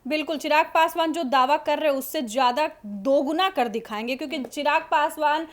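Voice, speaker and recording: Woman, news anchor, high voice, emphatic, repetitive, studio panel. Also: brisk. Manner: emphatic, repetitive, mixes in English phrases.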